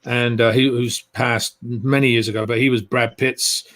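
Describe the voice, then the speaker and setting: A man with an English accent, a guest actor telling stories in a relaxed interview, rambling and filling his talk with "you know". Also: medium pitch, normal speed. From England.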